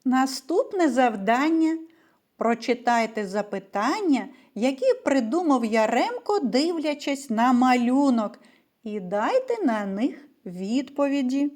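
Her voice is high-pitched and darkish, with a slow, sing-song delivery. As a primary school teacher running a reading lesson for small children, she asks questions and answers them patiently, making the lesson slow and clear.

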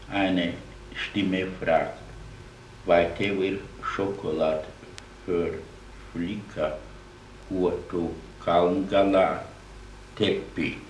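Deep slow man on echoey old tape. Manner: measured, formal, announcing each clip. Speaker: presenter of voice recordings. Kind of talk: archival spoken commentary. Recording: echoey distant old tape with hiss and clicks.

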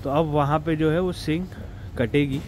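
A man with a somewhat high, steady voice talks at a normal speed, casually walking viewers step by step through goat farm work. He speaks to them directly in a chatty vlog style, outdoors on a goat farm and a street. A clip-on mic is used once set up, and street traffic makes the recording noisy.

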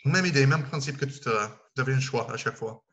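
A man's voice: mid-range voice, quick pace, fairly bright tone. A man teaching a recorded online English lesson, explaining step by step and counting down aloud for his learners.

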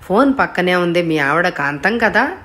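A woman reading an audiobook voices a calm, taunting young male blackmailer on the phone. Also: fairly low pitch. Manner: calm, unhurried and mocking. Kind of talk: audiobook character voice.

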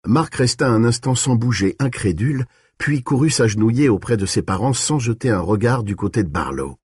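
A man narrating a dark audiobook in an expressive way, with shifting pace and tone. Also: medium pitch, brisk, husky, no room sound, clean studio sound.

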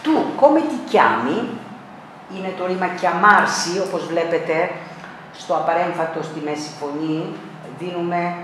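A man's voice: on the high side, a bit bright. A man teaching Italian grammar in a recorded lesson, explaining step by step and repeating example sentences. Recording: very echoey room, faint noise.

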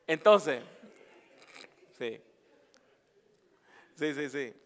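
A man's voice: a little high, lively intonation, drawn-out words. A middle-aged man from Puerto Rico with a neutral Latin American Spanish accent, leading a preaching workshop and firing rhetorical questions at the audience. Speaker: workshop leader and pastor. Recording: long reverb of a large hall.

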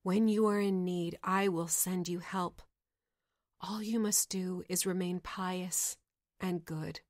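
Brief: gentle fading fairy-tale mother, hushed and loving, read by a woman. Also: fairly low pitch, steady tone, slow pace, no room sound, studio quality. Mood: tender. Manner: soft, tender.

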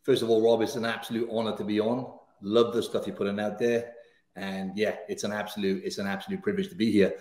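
A Welsh fitness coach in his 30s, whose accent has softened after years in Australia, is a guest in a casual interview over video call, using a studio mic in a reverberant room at home. He talks fast in a low, darkish, level voice, chatty and upbeat, with plenty of fillers like "you know" and "right".

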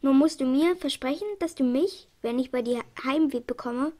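A woman reading a shy two-headed creature in a children's storybook, talking calmly and earnestly. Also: sits high, moderate pace, natural voice.

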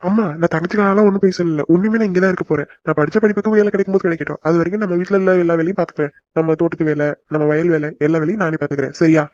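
A voice actor playing a gentle young son back home in a cartoon, reassuring his mother and sister. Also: mid-range voice, fairly even intonation, racing, hardly any pauses, dry recording, muffled recording, close to an everyday voice. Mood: warm. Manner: soothing, reassuring. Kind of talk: cartoon voice acting.

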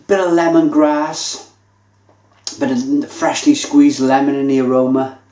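A man's voice: on the high side, measured pace. A man in his thirties casually reviewing a beer at home, chatting as he tastes and describes it. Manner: relaxed and chatty, savoring and describing each sip. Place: home kitchen, indoors. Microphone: camera mic at table distance. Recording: echoey kitchen room sound.

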